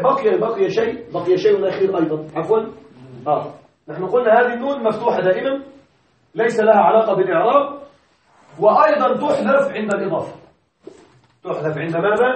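A man's voice: high-pitched, slight background noise. A man teaching grammar in a classroom, often stopping to quiz his students with short check questions. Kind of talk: classroom lecture. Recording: very echoey room, mic far off.

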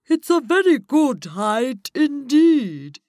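Sleepy bossy caterpillar guy, read by a woman, very slow and drawn out, dry close sound. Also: high voice, very animated, a little mellow, dry recording, pitched above the performer's own voice, full character voice. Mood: curt. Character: sleepy, curt male caterpillar. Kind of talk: storybook reading.

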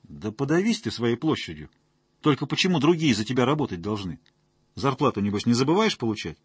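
A man's voice: mid-range voice, sing-song, brisk, slightly rough, no room sound. A man voicing a rude, irritable woman janitor who snaps back bluntly. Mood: exasperated.

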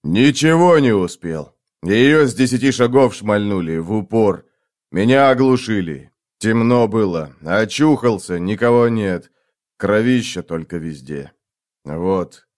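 A man's voice: lowish voice, animated, measured pace, darkish tone. A man voicing a big clumsy young man who whines and defends himself. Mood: defensive mumbling. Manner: whining, defensive.

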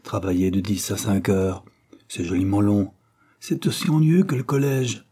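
A man's voice: fairly low pitch, moderate pace, warm tone. A man playing a sulky pampered young man. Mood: petulant. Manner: whiny, petulant.

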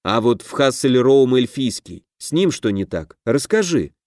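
A man voicing a snappy, quick-tempered young woman adventurer in an audiobook. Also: medium pitch, no room sound, studio quality. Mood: feisty. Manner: snappy, lively.

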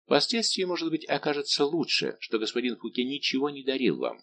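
A man voicing a shrewd, quick-witted veteran musketeer officer who talks in a lively, coaxing way. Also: medium pitch, no echo, voice pushed up. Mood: sly.

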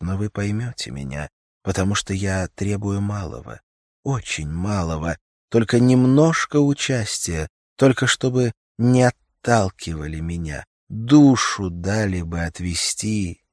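Мужчина читает вслух и озвучивает молодую светскую женщину, которая горячо и с мольбой просит о сочувствии. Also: male voice, unhurried, a little mellow, no echo, studio quality. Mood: pleading. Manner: raised pitch, emotional pleading. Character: pleading young society woman.

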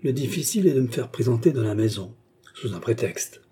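A man reading aloud as a scheming, smooth-talking English baronet who speaks with courteous self-assurance. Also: mid-range voice, expressive, brisk, warm tone. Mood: persuasive.

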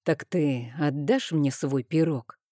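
An unflappable young dragon man who drawls low and slow, never embarrassed, as a woman narrator puts him on. The sound is mellow and dark, recorded dry and close for an audiobook. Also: no echo. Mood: teasing.

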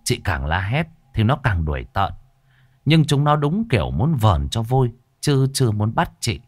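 A man narrating a ghost story in a measured, dramatic manner. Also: mid-range voice, very animated, dry recording, clean studio sound.

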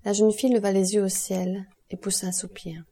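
A woman reading a classic novel aloud as an audiobook, in a measured, calm way. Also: medium pitch, slightly rough. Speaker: audiobook reader. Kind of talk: scripted narration of a classic novel.

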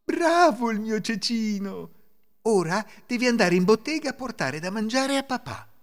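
A man voicing a peasant mother from a folk tale in a high, strained falsetto. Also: big pitch swings, moderate pace, in a large hall. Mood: tender. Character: anxious peasant mother, middle-aged woman.

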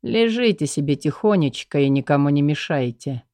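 Lady reader doing a sly soft-spoken mage guy, slow and lulling, mellow dry sound. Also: low voice, lively intonation, dry recording, pitched below the performer's own voice. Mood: coaxing. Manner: quiet, caressing, slow.

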